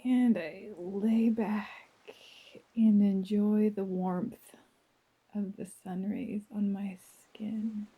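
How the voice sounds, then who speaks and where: Over narrow, tinny audio, a woman narrates a first-person guided visualization with fairly even intonation and a medium pitch. Her voice is soft and breathy, gentle and dreamy, with long pauses she never rushes.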